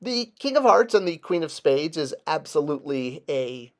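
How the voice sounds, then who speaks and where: A man presenting in a casual explanatory style, with animated delivery and emphatic stresses on key words. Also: a little high, normal speed. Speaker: video presenter.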